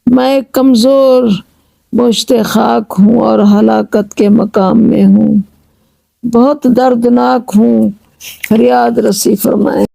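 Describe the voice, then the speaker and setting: A woman slowly chanting devotional verses in a pleading tone, then explaining each line in measured speech. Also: fairly high pitch, fairly even intonation, vocal fry, mellow, no room sound, poor audio. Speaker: religious reciter and translator. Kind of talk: devotional recitation with line-by-line translation.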